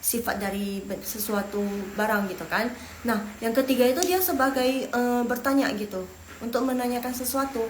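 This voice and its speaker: Chatty Indonesian woman teaching Mandarin. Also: on the high side. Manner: chatty, repeats words slowly for pronunciation. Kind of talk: casual online language lesson. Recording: roomy echo with faint room noise.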